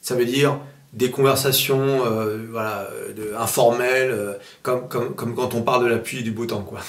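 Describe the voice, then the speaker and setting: Homme, prof d'anglais décontracté, pièce résonnante. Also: male voice, medium pitch, normal speed, roomy sound. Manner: relaxed, many fillers, says English example sentences. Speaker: English teacher. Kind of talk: casual online English lesson.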